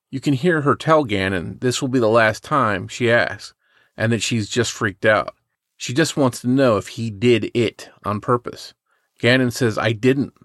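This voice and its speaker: A man's voice: mid-range voice, no room sound. Man reading true crime, dry sound. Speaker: podcast co-host. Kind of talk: scripted true crime narration.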